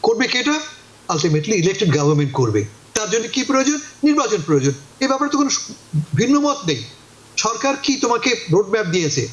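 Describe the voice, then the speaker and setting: Male talk-show guest, high animated voice, emphatic rhetorical style, echoey room. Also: quick pace. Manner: emphatic, asks and answers his own questions. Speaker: guest commentator. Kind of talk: political talk show discussion.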